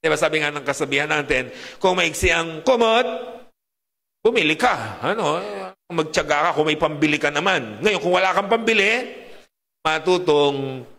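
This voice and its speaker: A man preaching a sermon in a lively, rhetorical way, often putting questions to his congregation. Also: on the high side, normal speed, in a large hall.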